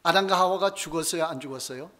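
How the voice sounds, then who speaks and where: A man with a fairly high voice preaches a Bible study sermon in a church. He keeps asking his listeners questions and then answers them himself. He slows down and lets his voice fall softer at the end of each key point. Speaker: pastor.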